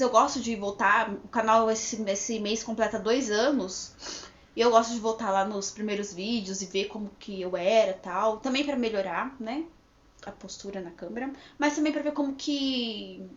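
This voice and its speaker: A woman's voice: a little high, normal speed. A woman in her thirties chatting to camera in a rambling, casual way, with frequent restarts and check-ins. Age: 30s. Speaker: vlogger. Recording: echoey room, slightly dull lo-fi sound.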